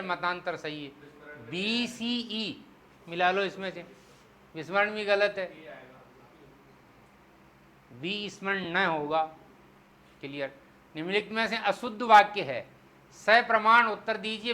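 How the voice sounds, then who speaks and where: A man teaching Hindi spelling in an exam-prep lecture, explaining step by step and slowing down to spell out syllables. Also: sits high, pushed and bright. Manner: explains step by step, asks the class "clear?".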